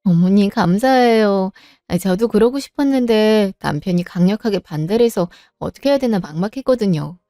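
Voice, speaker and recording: A woman's voice: mid-range voice, lively intonation, a little fast, few pauses, mellow, dry recording, studio quality, soft background music. A woman narrating and acting as a worried housewife who anxiously pleads for her ill mother. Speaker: narrator and protagonist. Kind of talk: scripted drama narration.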